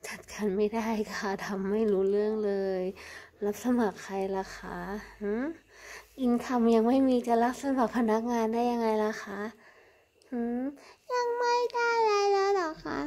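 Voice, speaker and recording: Woman murmuring baby talk to her cat, soft and hushed, middle pitch. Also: fairly even intonation, normal speed. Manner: quiet, gentle, murmuring. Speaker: cat owner vlogger.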